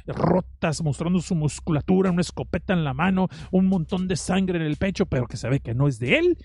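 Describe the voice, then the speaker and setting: A man's voice: sits high, expressive, brisk, warm tone, slightly rough, no echo. A man with a Mexican accent hosting a podcast, recapping a film in a rambling, joking way that keeps interrupting itself. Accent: Mexican Spanish. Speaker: podcast host.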